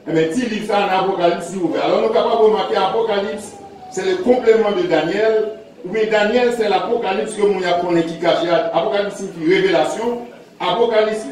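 A man preaching a sermon. He reads Bible verses aloud, then explains them in halting, repetitive phrases. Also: high voice, darkish tone. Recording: very echoey, distant mic, faint background hum.

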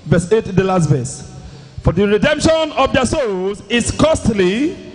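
A man's voice: sits high, big pitch swings, unhurried. A man reading scripture aloud formally in a large church hall. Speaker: scripture reader. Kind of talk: loud formal Bible reading.

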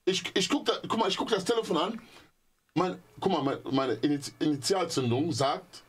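Animated man telling a story. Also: on the high side, moderate pace, slightly rough. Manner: animated, repetitive, acts out phone calls. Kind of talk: casual storytelling.

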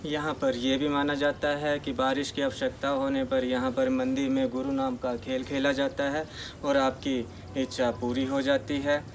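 Young male travel vlogger, casual and chatty, outdoor camera mic with clear background noise. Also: mid-range voice, flat delivery, moderate pace, distant mic. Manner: chatty, addresses viewers as guys. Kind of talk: casual travel vlog narration. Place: outdoors on a misty hillside.

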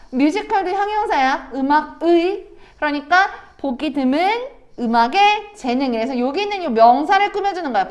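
A high-voiced woman teaching a recorded English lesson, her pitch swinging up and down as she jokes with students at home. She chats, teases and laughs as she walks through each sentence. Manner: chatty, teasing, acts out little family scenes; laughs often while talking. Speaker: middle school English teacher.

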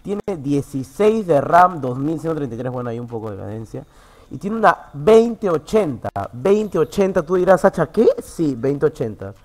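In a casual livestream from an internet café booth, a man with a Peruvian Spanish accent talks with his viewers at a normal speed. He gets excitable, curses freely, and shifts from loud bursts to quiet mumbling.

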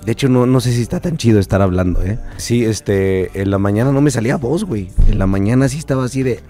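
On a live stream, a young man with a Mexican accent chats casually, his voice hoarse from a cold. He reads out the chat and swears freely, talking fast in a lowish, dark-toned voice.

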